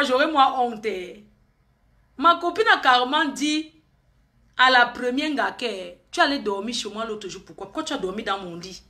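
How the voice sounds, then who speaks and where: A woman's voice: on the high side, sharp tone. A woman, chatting and gossiping on a live stream, teasing and often laughing.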